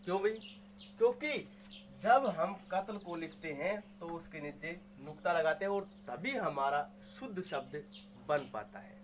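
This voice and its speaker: A man teaches a grammar lesson at an unhurried, deliberate pace, sounding each word out and saying it again. He poses questions and answers them himself. A faint hiss of background noise and some birdsong sit behind his voice. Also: fairly high pitch, lively intonation. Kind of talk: explaining Hindi grammar to students.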